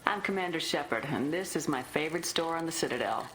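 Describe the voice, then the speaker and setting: A woman's voice: low-pitched, lively intonation, fast talker, background noise. An actress playing a confident, blunt female space commander in a video game. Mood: promotional. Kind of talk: video game character acting.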